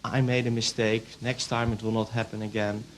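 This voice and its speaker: Earnest team manager. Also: male voice, fairly low pitch, flat delivery, fairly quick, faint music behind, poor audio. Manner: earnest, non-native phrasing. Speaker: driver's manager. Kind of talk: interview answers.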